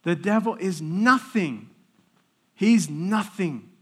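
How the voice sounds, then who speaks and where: A man studying for the priesthood, telling a lively story in church as a testimony talk. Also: high-pitched, slow pace, husky. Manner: lively storyteller, animated quoted voices. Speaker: seminarian speaking in church.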